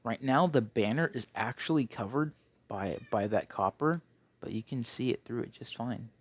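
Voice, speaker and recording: A man's voice: mid-range voice, moderate pace. A man giving casual, rambling gameplay commentary, with a phlegmy throat and a habit of tacking on "okay?". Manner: rambling, keeps clearing his throat, tacks on "okay?". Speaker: Minecraft player.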